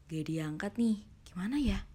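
A woman's voice: medium pitch, animated, a little slow, warm tone, husky. Cautious young man at the wheel, horror storybook role, read by a woman, worried and questioning.

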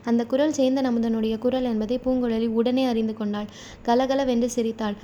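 Steady woman reading a historical novel. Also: fairly high pitch, moderate pace, a little hiss or hum. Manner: steady, even storytelling. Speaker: narrator.

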